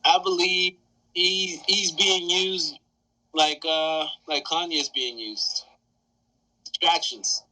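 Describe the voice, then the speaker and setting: A man's voice: a little high, steady tone, slow, pushed and bright, rough recording. A man in a casual roundtable chat, earnest, restarting words as he builds his point.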